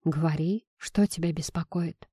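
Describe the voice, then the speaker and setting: A husky, possessive young man speaking low and close in an audiobook, as a woman reads him. The voice is mellow and soft-edged, and the recording is dry and close. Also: fairly even intonation, normal speed, no echo. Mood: tender, low. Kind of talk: audiobook character reading.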